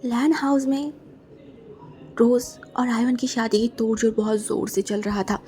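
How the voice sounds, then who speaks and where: A woman's voice: fairly high pitch, steady tone, unhurried, warm tone, soft background music. A woman casually retelling a fan fiction story, often repeating words and mixing in English.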